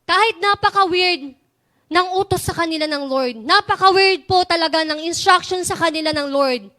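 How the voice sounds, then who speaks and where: A young woman giving a lively youth sermon, asking the crowd questions and laughing often. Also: very high-pitched, moderate pace. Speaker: youth preacher.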